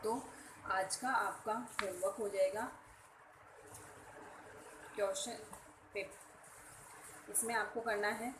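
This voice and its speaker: A woman teaching a class, slowly explaining each verse word by word with its meaning. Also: medium pitch, fairly even intonation, background noise. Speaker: Sanskrit teacher.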